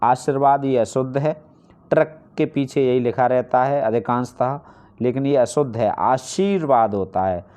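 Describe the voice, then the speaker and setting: In an online exam-prep lesson on Hindi spelling, a man with a clear, resonant, dark-toned mid-range voice speaks at normal speed. He explains each answer step by step, poses questions and answers them himself, and repeats key points for emphasis.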